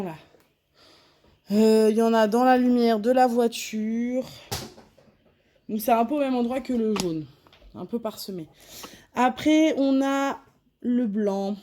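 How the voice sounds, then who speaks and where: A woman's voice: on the high side, warm tone, slight background noise. A young woman chatting casually at her living room table as she unboxes and shows a diamond painting kit, thinking aloud as she counts and sorts.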